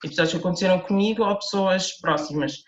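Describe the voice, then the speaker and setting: A woman's voice: lowish voice, quick pace, a little hiss or hum. A woman from Portugal with a Lisbon accent, an author speaking as a guest in a podcast interview, earnest and reflective, often restarting her sentences. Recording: roomy, dull lo-fi sound.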